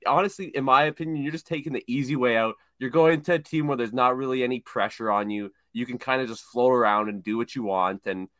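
A young man co-hosting a sports podcast, firm in his views and quick to repeat himself when worked up. The sound is dry and close, with no room around his voice. His pitch sits in an ordinary middle range. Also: dry recording. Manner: animated, opinionated, repeats words when excited. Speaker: podcast co-host. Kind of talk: casual sports chat.

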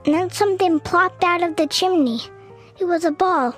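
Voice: very high-pitched, moderate pace, soft background music. A young host narrating a scary story for kids, dramatic and dropping into whispers for the creepy parts.

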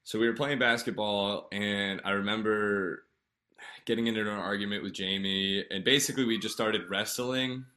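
A man recounting a personal story in a candid, earnest voice that sits a little low yet rings bright and forceful. He halts often, circling back through fillers and restarts as he works through the memory. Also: fairly even intonation. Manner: halting, many fillers and restarts.

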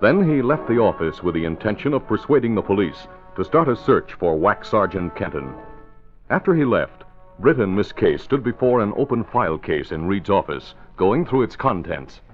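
A man's voice: lowish voice, sing-song, moderate pace, faint music behind. A man reading scripted narration for an old-time radio drama. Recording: dull vintage radio recording.

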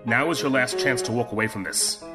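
An actor playing a commanding older admiral in an audio drama, measured and conspiratorial, with music behind. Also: male voice, mid-range voice, close to an everyday voice. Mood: stern. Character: stern older male imperial admiral, conspiratorial.

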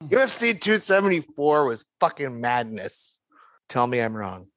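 A man hosting a casual sports podcast, playful and quick to laugh. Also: mid-range voice, very animated, music in the background. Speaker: podcast host. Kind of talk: casual chat.

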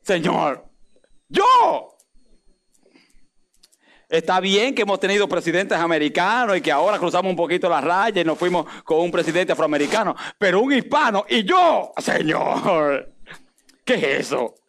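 A man's voice: high voice, a little fast. A man preaching a sermon as a pastor, animatedly acting out dialogues and joking with the congregation. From Dominican Republic. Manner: animated, acts out dialogues with God and Moses, jokes with congregation.

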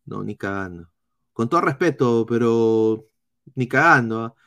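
A man with a Peruvian accent doing live football analysis, reading chat comments in a blunt, swearing style with halting restarts. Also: medium pitch, animated, a bit bright. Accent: Peruvian Spanish. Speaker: football streamer.

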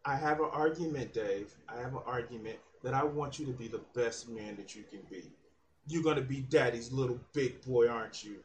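A man's voice: mid-range voice, brisk, slight background noise. A man hosting his channel, mocking and taunting someone in a profane heated argument. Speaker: channel host.

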